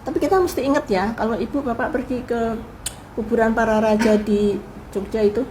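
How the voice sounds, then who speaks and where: An older woman recalls her family's past as an interview guest, in a higher voice than most women. She talks casually and with energy, and slips into the voices of the people she quotes. A faint hiss sits under her voice. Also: fairly quick. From Indonesia. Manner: animated storyteller who acts out quoted people. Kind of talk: casual spoken reminiscence.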